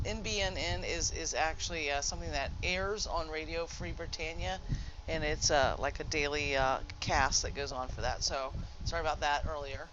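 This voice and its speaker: A man with a fairly high voice demonstrates a game in a casual, unscripted tutorial, explaining things informally and correcting himself as he goes. The recording is muffled, the background noisy, with video game music playing.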